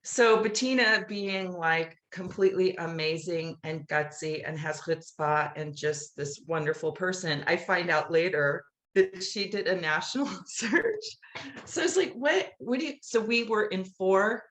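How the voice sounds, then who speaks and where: This interview guest, a middle-aged musical playwright, chats her way through animated stories and often performs dialogue from memory. Her fairly low voice is a bit bright and moves at a measured pace. The recording has a roomy, echoey sound.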